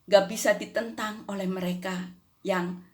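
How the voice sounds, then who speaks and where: A woman's voice: medium pitch, fairly even intonation, a little slow, a little mellow. Older woman, faith testimony, conversational, tag questions, storytelling. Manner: conversational, frequent "gitu ya" tags, acts out dialogue. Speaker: churchgoer giving testimony.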